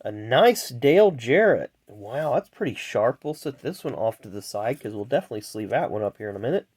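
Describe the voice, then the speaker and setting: Male video host, medium pitch, congested and nasal from blocked sinuses, chatty off-the-cuff commentary. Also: very animated, brisk, darkish tone, slightly rough. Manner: chatty, reels off names then adds asides. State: stuffed-up sinuses. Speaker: host of a racing trading card pack-opening video. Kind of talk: casual rambling commentary.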